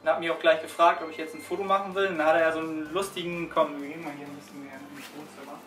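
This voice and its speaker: A young man chatting excitedly in a casual fitness vlog from a small apartment room. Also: fairly high pitch, racing. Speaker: fitness vlogger.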